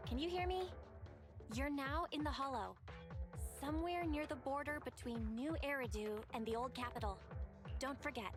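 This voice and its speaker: An actress playing an alert, helpful young woman guiding a mission in a video game, giving a clear briefing. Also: high voice, natural voice. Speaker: game character, mission navigator. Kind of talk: scripted video game dialogue. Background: game music.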